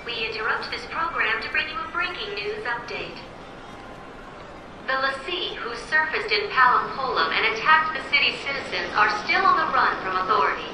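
An actress voicing a calm, official female newscaster in a game, delivering a breaking news bulletin that cuts into a program and plays over public screens. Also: a little high, normal speed. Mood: urgent. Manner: crisp, formal news delivery. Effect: breaking news broadcast cutting into a program, heard over public screens. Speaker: news anchor. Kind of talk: video game cutscene dialogue. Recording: echoey, distant, noisy street broadcast.

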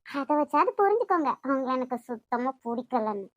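A woman's voice: sits high, very animated, brisk, no room sound. A woman voicing a heartbroken young cartoon heroine, Kanyakumari Tamil. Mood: bitter. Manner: bitter, cold then tearful. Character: heartbroken young woman pushing her lover away. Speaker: voice actor. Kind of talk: cartoon love-story dubbing.

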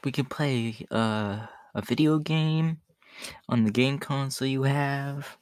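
A man voicing a shy, gentle young catboy in a soft, hesitant ASMR role-play for an audio story. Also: medium pitch, takes it slowly, smooth, dry recording, studio quality, lightly acted. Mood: hesitant, sweet. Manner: hesitant, bashful, soft-spoken with nervous giggles.

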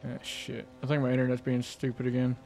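A man's voice: mid-range voice, monotone, quick pace, darkish tone. A man chatting casually on a game stream. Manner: joking, self-deprecating banter. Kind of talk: casual gaming livestream chat.

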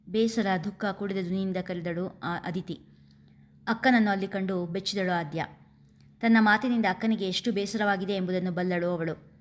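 Woman storyteller, steady and expressive, medium pitch; narrates a family drama.

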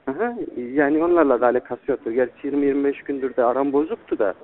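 A man's voice: medium pitch, fast talker. A young man, a student, speaking informally and deferentially to someone he treats as an older friend on a phone call. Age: young adult. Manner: deferential, repeatedly addressing the listener as older brother. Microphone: telephone. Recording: tinny, band-limited recorded phone call.

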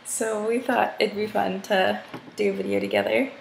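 A woman's voice: medium pitch, fairly even intonation, normal speed, creaky. A young woman vlogger chatting casually and giggling, talking into her laptop mic. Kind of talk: casual chat on a video call. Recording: echoey room with faint noise.

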